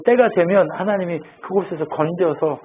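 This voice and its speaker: A man's voice: sits high, normal speed. A man preaching a sermon as pastor, asking the congregation questions and answering them himself. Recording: tinny phone-like line with faint noise.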